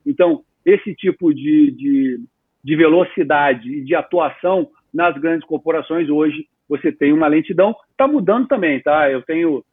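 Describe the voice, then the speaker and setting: A man's voice: fairly high pitch, moderate pace, husky, no echo. Talkative man in his fifties on a tinny line. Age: 50s. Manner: animated, talkative, casual slang. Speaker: guest, entrepreneur. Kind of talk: casual interview talk.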